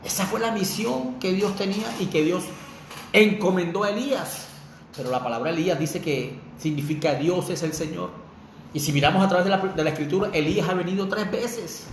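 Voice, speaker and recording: A man preaching with fervor, his voice sitting high for a man. He keeps turning to his listeners with pointed rhetorical questions. The sermon rings through a roomy, echoey space with a faint hiss behind it. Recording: echoey room with faint noise.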